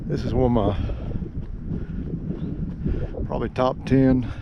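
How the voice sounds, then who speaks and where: A man's voice: mid-range voice, fairly even intonation, takes it slowly, gravelly. Older man talking into roaring wind. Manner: rambling, self-deprecating. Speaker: hiker narrating a trip. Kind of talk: casual outdoor vlog chat. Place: outdoors on a windy mountain meadow. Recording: muffled sound, loud wind on microphone. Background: strong wind noise.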